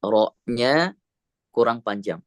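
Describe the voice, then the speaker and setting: An Indonesian man teaching Quran recitation on a video call, slow and patient, drawing out sounds to model them. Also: medium pitch, expressive, dry recording, studio quality. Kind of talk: patient one-on-one recitation lesson.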